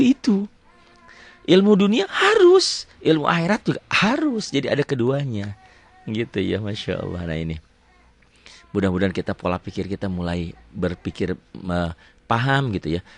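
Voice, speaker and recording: A middle-aged man, teaching Quran reading in a casual lesson, moving between quiet asides and loud drawn-out recitation. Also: fairly low pitch.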